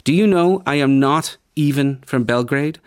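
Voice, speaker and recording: A man's voice: mid-range voice, normal speed, clear, resonant tone, voice pushed up, lightly acted. A man voicing a thin, bitter young church guide. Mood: rueful.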